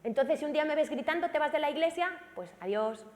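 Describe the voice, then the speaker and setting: A woman pastor with a Peninsular Spanish accent preaching a sermon dramatically and emphatically, sometimes rising to shouts. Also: high-pitched, lively intonation, fast talker, in a large hall. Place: church sanctuary.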